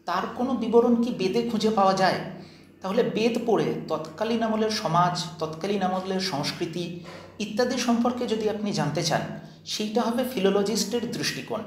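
A man giving a slide lecture, explaining step by step and posing questions before answering them. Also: high-pitched. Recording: echoey room with faint noise.

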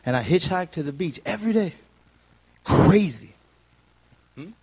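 A man from California in his fifties preaching a sermon with personal testimony, moving from quiet, low storytelling to shouted preaching. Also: lively intonation, fast, husky.

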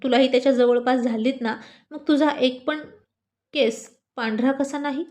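A woman reading the part of a man in his mid-thirties who teases his wife fondly. He sounds playful and warm toward her, in a fairly high storyteller's voice. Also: fairly even intonation, moderate pace, natural voice. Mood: affectionate, teasing. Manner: teasing, fond.

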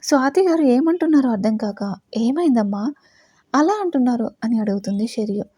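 A woman with a Telugu accent narrating an audio love story, voicing every character herself and going louder for quoted lines. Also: on the high side, lively intonation, fast, slightly rough, dry recording, studio quality.

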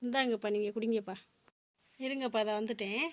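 A woman voicing a caring young daughter-in-law in a home-made cartoon, gentle and polite. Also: fairly high pitch, fairly even intonation, brisk, natural voice. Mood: warm.

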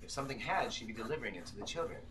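Captured by an audience camera a few meters off, a man in his thirties races through a dramatic live reading of a novel as its narrator, radio-play style. His medium-pitched voice is animated and intense, with background noise and loud violin music laid over the performance.

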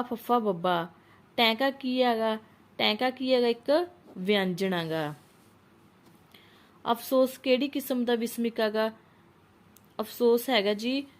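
A woman teaching an exam-prep lesson, reading out multiple-choice questions and options, then asking and answering them herself, with some hesitations and restarts. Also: a little high.

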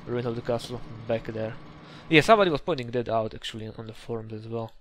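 Playing a farming game, a young Slovak-accented man chats and rambles for his YouTube let's-play, with laughs and a bit of mild swearing. He talks fast in a mid-range voice, over game audio and engine noise.

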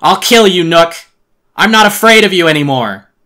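A man's voice: high-pitched, lively intonation, moderate pace, pushed and bright, pitched above the performer's own voice. A man voicing a terrified, furious eight-year-old boy who screams frantic accusations in a dramatic reading of a horror story. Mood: screaming.

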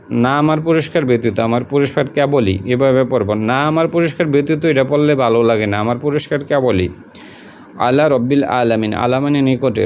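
A man at a middle pitch teaches a word-by-word translation lesson, going over each word and its meaning again and again. His delivery is patient and colloquial. The recording sounds a little muffled and lo-fi, with a faint hiss behind him. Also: darkish tone.

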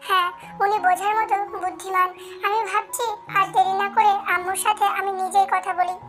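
A man's voice: very high voice, level tone, brisk, pushed and bright, faint music behind. A woman voicing a young man in love, tender and pleading. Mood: earnest.

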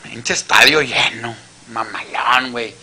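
A man's voice: medium pitch, a little slow, bright, forceful tone, slightly rough. A man with a Mexican Spanish accent telling crude jokes in a casual storytelling style, acting out each character in his story. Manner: crude slang, acts out every character.

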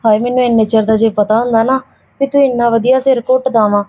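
A woman playing a sickly, put-upon young aunt who talks softly and wearily to a child in an amateur family drama. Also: on the high side, steady tone, quick pace, lightly acted. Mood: relieved.

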